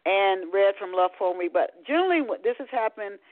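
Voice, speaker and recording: A woman's voice: mid-range voice, expressive, moderate pace, no echo. A woman hosting a talk radio show who chats, often restarts her sentences, and reads a novel aloud. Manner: chatty, many restarts. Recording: tinny phone line, dry.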